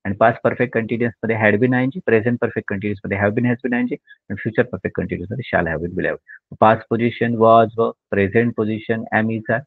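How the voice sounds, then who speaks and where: A man teaching English grammar in a lecture, rattling off drilled lists of tense endings and slowly dictating example sentences word by word. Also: on the low side, steady tone, dry recording. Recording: dry, tinny phone-like sound.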